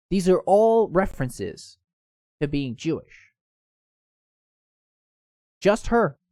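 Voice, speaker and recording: A man's voice: fairly high pitch, darkish tone, dry recording, studio quality. A man hosting casual online news commentary, reading posts aloud and stumbling now and then. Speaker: host.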